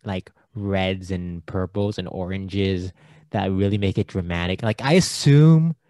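A man's voice: lowish voice, a little mellow, dry recording, studio quality. A man co-hosting a podcast, chatting casually about a movie, laughing often and trailing off mid-thought. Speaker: podcast co-host.

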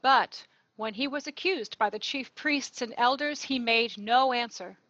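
A woman narrating a gospel reading in a church service, clear and measured. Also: fairly high pitch, a bit bright, no echo, lo-fi sound. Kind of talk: liturgical scripture reading.

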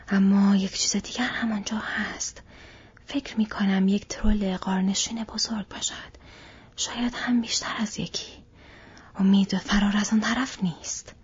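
A woman's voice: medium pitch, muffled recording. A woman whispering as an old wizard in whispered role-play. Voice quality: breathy whisper. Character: old male wizard, commanding and urgent.

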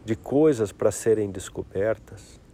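A man leading a guided meditation in a slow, soft-spoken, reflective way. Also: lowish voice, slight background noise.

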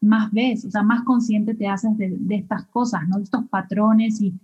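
A woman's voice: mid-range voice, fairly even intonation, moderate pace, warm tone, husky, dull audio. A woman hosting a casual interview, thinking aloud with many fillers.

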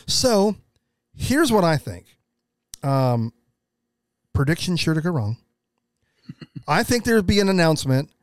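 A man's voice: fairly high pitch, no echo. An American man co-hosting a podcast in casual, rambling chat, speaking with emphasis. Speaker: podcast co-host.

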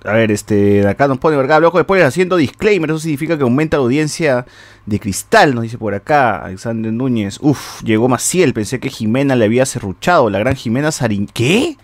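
A man's voice: medium pitch, expressive, a little fast, no room sound. A man hosting a casual podcast, reading chat comments and teasing his co-hosts in a slangy way.

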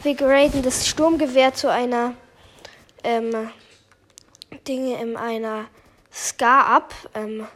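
A young woman giving excited gameplay commentary, often dropping into tense whispers. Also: a little high, takes it slowly, pauses often. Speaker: gamer.

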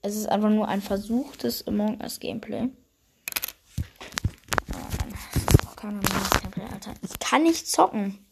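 A woman's voice: medium pitch, little pitch movement, normal speed, vocal fry, pauses often. A young woman casually commenting on her gameplay, grumbling, swearing and muttering half-whispered asides. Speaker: gaming channel host. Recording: noisy home game recording.

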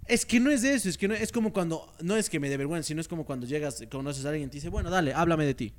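A young man, co-hosting a casual chat. He talks in an animated, joking way, rambling with restarts and slang. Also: on the high side, rapid-fire. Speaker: podcast co-host. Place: motel room.

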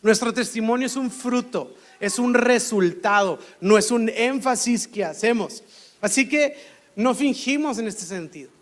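Man, Mexican accent, pastor, sermon, conversational, quite high voice. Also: measured pace. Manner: conversational, acts out quoted voices.

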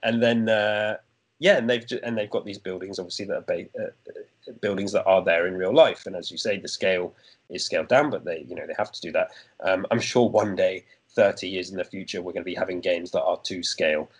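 A man's voice: low-pitched, fairly quick, husky. A man co-hosting a podcast, chatting casually about a video game with frequent fillers and restarts. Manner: hesitant, many fillers and restarts. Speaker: podcast co-host. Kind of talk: casual chat.

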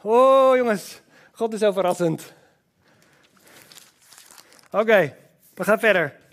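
A man's voice: high-pitched, expressive, slow, fairly bright tone. A man giving a church sermon, who talks with enthusiasm, throws in exclamations and speaks straight to the congregation. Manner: addresses the congregation directly. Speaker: preacher.

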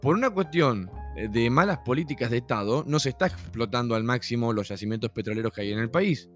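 A man's voice: medium pitch, expressive, fast talker, soft background music. A man with an Argentine accent, explaining economics in a casual spoken monologue and often checking whether he is understood. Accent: Argentine Spanish. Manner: conversational, full of fillers and rhetorical checks.

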